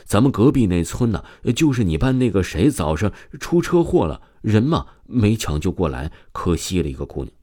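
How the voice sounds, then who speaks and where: A homely, fussing middle-aged mother who nags and chats, as a man reading the story takes her part. The voice is low with a lively rise and fall in pitch. The tone stays close to a plain storybook reading. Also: normal speed, hardly any pauses.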